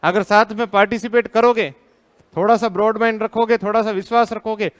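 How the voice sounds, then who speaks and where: A man's voice: high-pitched, fairly even intonation, fairly quick. An Indian man teaching a live class, drilling students with repeated questions, firm and teasing.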